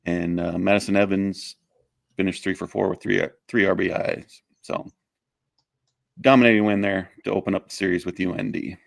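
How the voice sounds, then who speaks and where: A man co-hosting a casual sports podcast, walking through game results and stats in a steady, plain way with frequent fillers. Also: deep voice, normal speed, vocal fry, dry recording, studio quality. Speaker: co-host.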